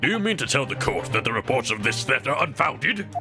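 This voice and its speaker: A man voicing a stern older courtroom judge in a video game, speaking formally and with authority in a gravelly voice over game music. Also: mid-range voice, big pitch swings, a little fast. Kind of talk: dramatic reading of video game dialogue.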